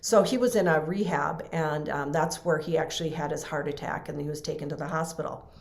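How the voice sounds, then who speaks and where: Earnest low-voiced woman telling a story. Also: fairly quick, vocal fry, reverberant. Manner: earnest, emotional storytelling with acted-out quotes. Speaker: guest. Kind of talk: casual storytelling in a podcast interview.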